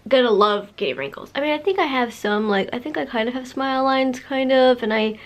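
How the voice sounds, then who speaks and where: A woman's voice: sits high, brisk. A woman in her late twenties talking casually to her viewers in a bubbly, sassy way, full of fillers and restarts. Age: 20s. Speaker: vlogger. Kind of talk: casual talk to camera.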